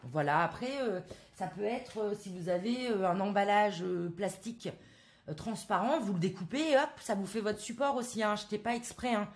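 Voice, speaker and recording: A woman's voice: mid-range voice, moderate pace. A woman from France in a casual haul video, chatting to her viewers with many hesitant fillers. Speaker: craft vlogger.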